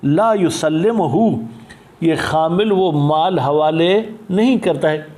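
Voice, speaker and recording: A man teaching a religious law text, reading Arabic phrases slowly and then explaining them, often asking and answering his own questions. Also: on the high side, darkish tone. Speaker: teacher of Islamic jurisprudence.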